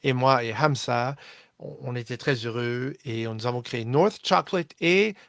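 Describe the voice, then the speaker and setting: A man from Tunisia, a chocolatier guest, introducing himself in a friendly, halting way. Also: mid-range voice, gravelly, fairly bright tone, no room sound, clean studio sound. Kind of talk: casual self-introduction.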